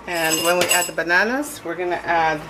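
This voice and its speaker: Filmed from above her kitchen counter, a woman bakes at home and casually talks through each step of the recipe, restarting sentences in a chatty way. Her voice is lowish and brisk, and a loud hand mixer is heard in this casual cooking demonstration.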